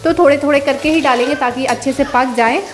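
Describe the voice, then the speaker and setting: Talking fast in a high-pitched voice, a woman in her thirties narrates a relaxed home-vlog voice-over, explaining every step in a cozy, homely manner.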